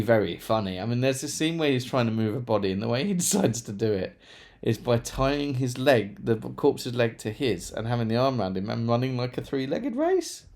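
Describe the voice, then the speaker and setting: A book vlogger with a medium-pitched, darkish voice chats casually through his monthly book review. He rambles, dropping self-deprecating asides along the way.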